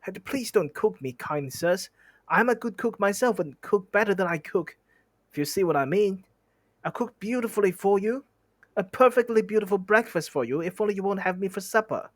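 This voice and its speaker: A man doing a squeaky frightened hobbit. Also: animated, moderate pace, no echo. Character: small frightened male hobbit, polite and flustered.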